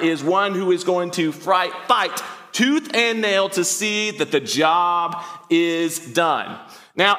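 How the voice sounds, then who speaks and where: A man's voice: high voice, pushed and bright. A man preaching a sermon in a church, chatting and joking with the congregation. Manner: joking, conversational preaching with the crowd. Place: church sanctuary. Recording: long hall reverb.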